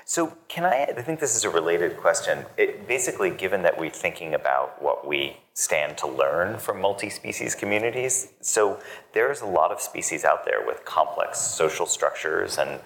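A man's voice: deep voice, very animated, normal speed, gravelly, a bit bright, a little hiss or hum, rough recording. A man moderating a thoughtful discussion in a conversational way.

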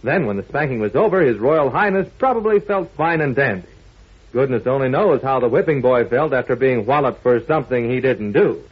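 A man's voice: medium pitch, expressive, a little fast, husky. A man giving a folksy, earnest scripted moral talk as a 1940s radio announcer. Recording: thin, phone-like old radio recording.

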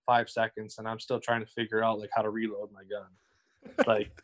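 A young man chatting casually as a podcast guest, rambling and halting, often repeating himself. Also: fairly low pitch, monotone. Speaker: guest streamer.

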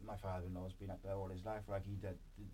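Low-pitched Welsh podcast host, background noise. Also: male voice, flat delivery, quick pace, dark tone. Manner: informal, rambling, frequent filler 'like'. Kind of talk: casual chatty hosting.

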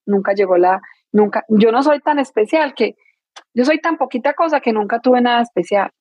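A woman's voice: a little high, expressive, normal speed, a little mellow, dry recording, highs cut off. A woman, a guest explaining emotional wounds through everyday examples, often restarting her sentences. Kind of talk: explanatory interview talk.

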